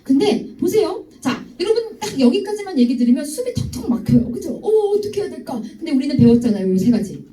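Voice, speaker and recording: A woman's voice: sits high, quick pace, few pauses, soft background music. A young woman giving a youth sermon in a church hall, telling stories and teasing students with questions. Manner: lively, teasing, asks students directly. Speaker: youth ministry speaker. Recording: echoey hall, voice from far off.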